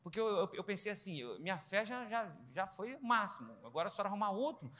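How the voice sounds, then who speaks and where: A man telling a humorous family story in a sermon, animated and acting out quick dialogue between relatives. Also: sits high, long reverb tail. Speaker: preacher.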